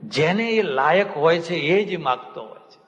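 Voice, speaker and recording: An older man with a fairly high voice gives a spiritual talk, telling stories and playfully acting out the people in them. His voice rings through a large hall with a long reverb, and the recording sounds dull and lo-fi. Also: expressive, unhurried. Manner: storytelling, acts out quoted people with humor. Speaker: swami giving a discourse. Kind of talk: religious discourse with anecdotes.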